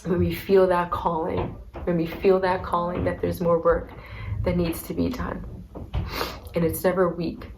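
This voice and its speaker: Soft-spoken earnest woman, low even voice. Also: a little slow, gravelly, background noise. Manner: soft, earnest and repetitive, gets emotional. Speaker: vlogger. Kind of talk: heartfelt personal vlog talk.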